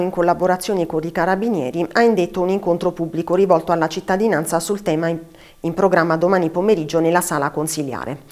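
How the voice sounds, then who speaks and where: A woman news anchor reading short bulletin items briskly, with the odd small slip. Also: on the low side, a little mellow.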